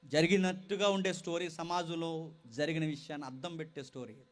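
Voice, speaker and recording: A man preaching a sermon to young people, moving from loud, urgent appeals to quiet, dramatic storytelling. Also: on the high side, fairly even intonation, a little fast. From Telugu-speaking India. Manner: impassioned, swings from loud exhortation to quiet storytelling.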